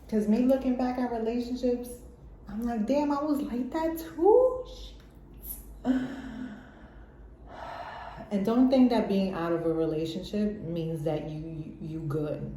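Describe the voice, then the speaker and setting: A woman's voice: lowish voice, dark tone, a little hiss or hum. A woman speaking in a candid, slangy way, laughing often, giving casual motivational life advice as a mother. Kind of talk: casual motivational vlog talk. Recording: roomy echo.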